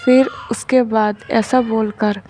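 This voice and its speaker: Woman storyteller, casual narration, slightly high voice, mellow dark tone. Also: fairly even intonation, takes it slowly, slight background noise. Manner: plain retelling, mixing in English words.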